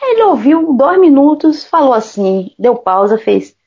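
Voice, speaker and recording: A high-pitched, slightly slow female voice belongs to a Salvador, Brazil singer recounting a story in casual conversation. She's animated, voices the characters' lines herself and swears without hesitation; the lo-fi recording sounds dull.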